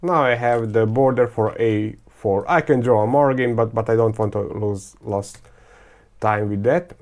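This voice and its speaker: The sound is lo-fi, carrying a lowish, gravelly male voice. This teacher, whose first language is Croatian, Serbian and Hungarian, narrates a screen-recorded software tutorial, thinking aloud haltingly with plenty of fillers and restarts.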